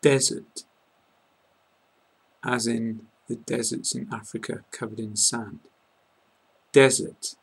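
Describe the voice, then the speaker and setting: A man with a British English accent giving a slow, careful pronunciation lesson, saying each word deliberately. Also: mid-range voice, level tone, vocal fry, a bit bright, husky, rough recording. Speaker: English teacher.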